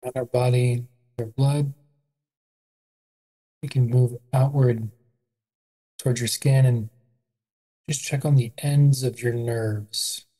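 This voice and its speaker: The audio quality is poor as an adult meditation guide, medium in pitch, takes listeners through a body scan. The pace is slow and calm, gentle, and punctuated by pauses.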